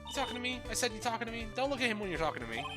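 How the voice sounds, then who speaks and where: A brash video game puppet as a man plays it, pitched well up high. It is belligerent and pompous, hurling insults with cocky self-importance. Prominent music plays behind it. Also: sing-song, racing. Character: abrasive, cocky, foul-mouthed male ventriloquist's puppet. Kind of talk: video game character voice-over read.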